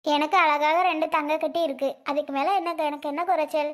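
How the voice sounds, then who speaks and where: A woman voicing a young woman in a home-made cartoon who calmly reassures her aunt. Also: high voice, brisk. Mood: reassuring. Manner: soothing, dismissive.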